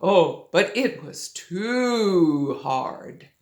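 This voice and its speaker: An older woman with a sweet old lady manner tells a children's story as a grandmother, gently coaxing the listener with little questions. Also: on the low side, very animated, extremely slow. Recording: roomy, echoey home recording.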